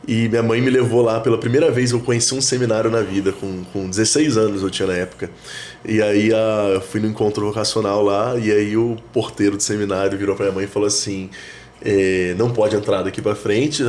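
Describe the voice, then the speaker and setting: A priest, talking reflectively in a casual interview, with many fillers and restarts. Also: male voice, lowish voice, flat delivery, quick pace, darkish tone, a little hiss or hum. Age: 30s. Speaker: priest, guest. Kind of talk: casual conversation.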